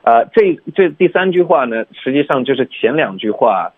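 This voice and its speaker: A man teaching English pronunciation in a lesson, switching between English and Chinese and sounding out words slowly. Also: medium pitch, sing-song, slightly rough, no echo. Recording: dry tinny phone-like radio sound.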